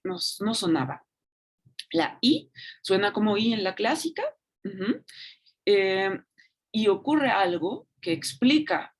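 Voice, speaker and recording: A woman giving an online lecture, speaking unhurriedly with frequent fillers and tag questions. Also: on the low side. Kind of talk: online lecture on Latin pronunciation.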